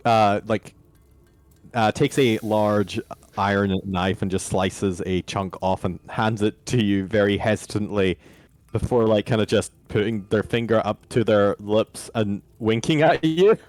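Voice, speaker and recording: A man's voice: lowish voice, unhurried, a little mellow, no echo. A man narrating as game master of an online tabletop game, hesitant and full of fillers.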